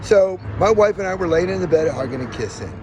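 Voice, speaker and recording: A man's voice: high voice, animated, a little fast, background noise. A man telling his own story in an aggrieved, emphatic rant, his speech slightly slurred by missing front teeth. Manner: aggrieved, emphatic, acts out reported dialogue.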